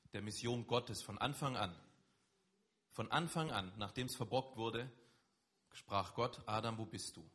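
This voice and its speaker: Male preacher, husky voice, chatty but emphatic sermon delivery. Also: on the low side, pushed and bright. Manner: conversational, emphatic preaching with rising stresses.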